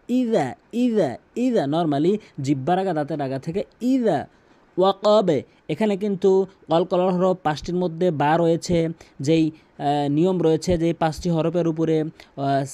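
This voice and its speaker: A man teaching Quran recitation, repeating words slowly and chanting short verses as examples. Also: fairly high pitch, warm tone. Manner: drills pronunciation, repeating words slowly and stressed.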